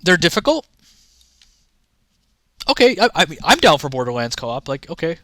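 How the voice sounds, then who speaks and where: A man's voice: a little high, big pitch swings, normal speed, a bit bright, no room sound. A young man rambling casually to his chat during a livestream, often restarting sentences. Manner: rambling, chatty, talks to chat. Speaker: streamer.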